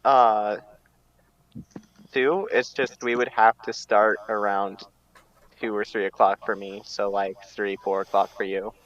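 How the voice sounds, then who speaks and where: A man's voice: fairly low pitch, steady tone, a little slow, fairly bright tone, lo-fi sound. A man playing in a tabletop game, chatting in an easygoing way over a voice call. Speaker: player. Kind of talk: casual chat during a tabletop game.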